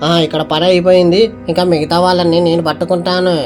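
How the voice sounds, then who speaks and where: A man narrating gameplay in an excitable way, with many exclamations. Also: sits high, a little fast, loud music behind the voice.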